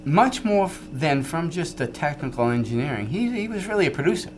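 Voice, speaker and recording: A man hosting a casual interview chat, chatty and asking quick questions between short agreements. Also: on the high side, sing-song, a little hiss or hum. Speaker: show host. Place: local TV studio.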